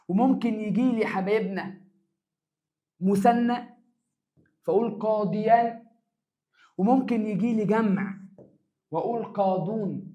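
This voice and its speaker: Lively Egyptian male Arabic teacher. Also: high voice. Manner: lively, stretches words for emphasis, calls students "my dears"; answers his own questions in students' voices. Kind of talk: exam review lesson for secondary students.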